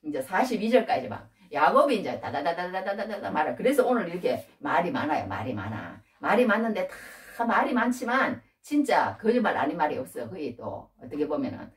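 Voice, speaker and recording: A woman giving a casual Bible-study sermon, retelling the story with lively asides and frequent prompts to her listeners. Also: fairly low pitch, a little fast, few pauses, far from the mic. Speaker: Bible teacher.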